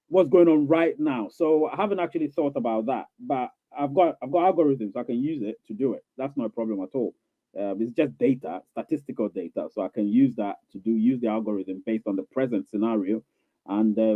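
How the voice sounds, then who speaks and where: A man with a medium-pitched voice hosts a casual live stream, reading viewer questions and answering them in a rambling, reassuring, coaxing way. He repeats himself and uses many fillers. The dry recording sounds tinny and phone-like.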